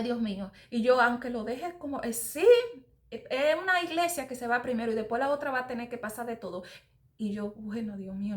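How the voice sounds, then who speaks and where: A woman preaching a sermon with an earnest, searching delivery. Her voice sits a little high. She reads verses aloud and circles back over her phrases as she explains them. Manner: earnest, repeats and restarts phrases while reading verses aloud. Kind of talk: sermon reading and explaining scripture.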